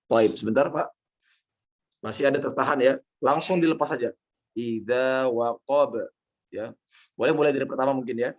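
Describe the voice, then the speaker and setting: A man with an Indonesian accent teaching Quran recitation in an online lesson, patiently correcting a student and repeating sounds slowly. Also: medium pitch, a little mellow, breathy edge, dull audio.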